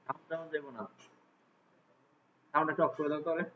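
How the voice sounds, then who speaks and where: Teacher with tinny lo-fi sound. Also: male voice, a little high, flat delivery, fast. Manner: casual, asks students frequent check questions. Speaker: computer class teacher. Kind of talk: live class walkthrough. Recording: tinny phone-like audio with faint hiss.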